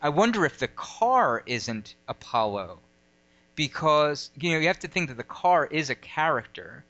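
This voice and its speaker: A man's voice: fairly high pitch, sing-song, unhurried, pushed and bright, dry recording. A man co-hosting a podcast in casual, rambling chat, drifting from one tangent to the next with plenty of fillers. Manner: rambling, digressive, lots of fillers. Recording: lo-fi audio.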